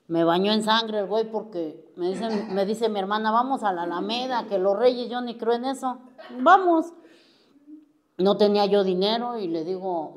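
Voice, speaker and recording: A woman's voice: medium pitch, a little mellow. A middle-aged woman with a Mexico City accent shares her personal recovery testimony at an AA group. She speaks bluntly in crude street slang and swears constantly as she talks to the room. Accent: Mexico City Spanish. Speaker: AA member giving testimony.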